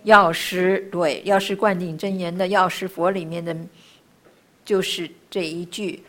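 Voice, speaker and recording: A woman teaching the pronunciation of Buddhist chants, patiently chanting each syllable slowly between short explanations. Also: on the low side, steady tone, fairly bright tone.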